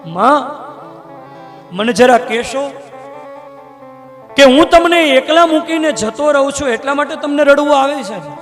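A man's voice: very high voice, animated, measured pace, long pauses, a bit bright, long reverb tail, faint music behind, voice pushed up, full character voice. A man voicing a grieving, loyal young prince in a sung religious storytelling, pleading and choked with sorrow. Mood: sorrowful pleading.

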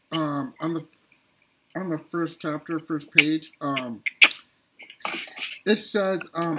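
A man in a casual video-call book discussion, speaking hesitantly with many fillers. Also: fairly high pitch. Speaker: book club member. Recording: loud background noise on call.

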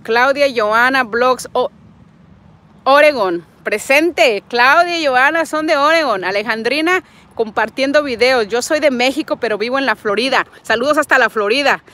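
Here the Nayarit vlogger, a woman in her forties with a Mexican Spanish accent, sounds high-pitched and fairly bright at a moderate pace. Hosting a casual livestream, she affectionately greets her audience and reads their comments aloud. She's outside in a parking lot and on a street, using a wired earbud mic with the phone held out at arm's length.

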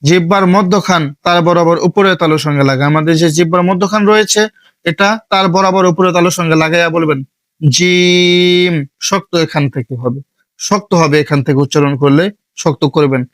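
A man from Bangladesh teaching an online Quran recitation lesson, patiently repeating each step slowly. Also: a little high, steady tone, no room sound.

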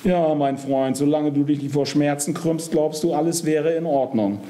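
A man's voice: fairly high pitch, normal speed, dark tone, voice pushed up, natural voice. A man voicing the Body as a simple, good-natured fellow scolding earnestly in a storybook reading. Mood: reproachful.

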